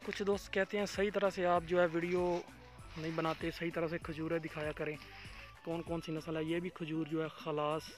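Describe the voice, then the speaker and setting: A man's voice: on the high side, little pitch movement, moderate pace, faint music behind. Chatty man touring a date farm. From Pakistan. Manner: chatty, keeps pointing things out to viewers. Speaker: vlogger. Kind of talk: casual walking tour vlog. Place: outdoors in a date palm farm.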